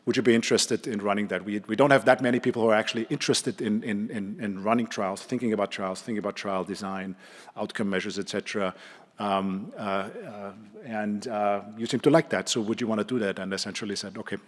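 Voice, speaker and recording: Speaking to a conference hall audience, this German-speaking neurologist and clinical trialist, a middle-aged man with an Austrian accent, delivers an informal presentation in a fairly low voice. His speech stumbles, full of hesitations and repeated words, and the room adds reverberation.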